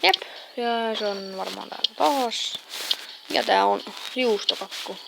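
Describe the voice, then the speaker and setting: A woman's voice: mid-range voice, creaky, heavy background noise. A woman hosting a casual let's-play video, chatting and muttering reactions as she plays a farming game. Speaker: gameplay video host. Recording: game music behind the voice. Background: game music.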